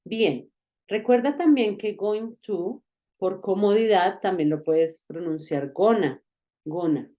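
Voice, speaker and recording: A woman's voice: mid-range voice, expressive, dark tone, muffled recording. A woman with a Colombian accent teaching an online English grammar lesson in Spanish, explaining patiently and stopping often to check that the learner follows. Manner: patient, explains slowly with many checks for understanding.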